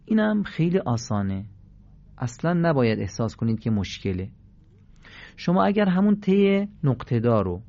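A man's voice: medium pitch, warm tone, highs cut off. A man teaching Quran recitation in a radio lesson, patiently demonstrating letter sounds with emphatic repetition.

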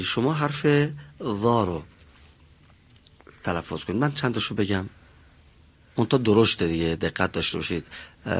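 A man with a low voice leads a recitation lesson, sounding out each letter slowly and repeating it for his students. He corrects them patiently and has them try again. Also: slightly rough. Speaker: Quran recitation teacher. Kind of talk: classroom pronunciation lesson.

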